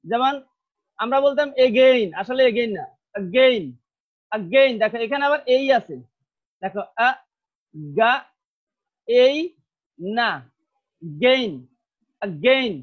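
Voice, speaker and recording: A Bangladeshi-accented man leads a classroom pronunciation lesson, saying each word over and over and drilling the sounds. The recording is a little dull and muffled. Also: very high-pitched. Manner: slow, repeats words many times, drills sounds. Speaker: English teacher.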